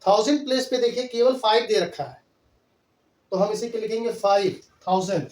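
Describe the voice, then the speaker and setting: A man with a high, slightly mellow voice teaches a maths lesson at normal speed in a mix of Hindi and English, patiently counting out place values step by step and repeating the counts aloud. The room is echoey and he sounds far from the mic.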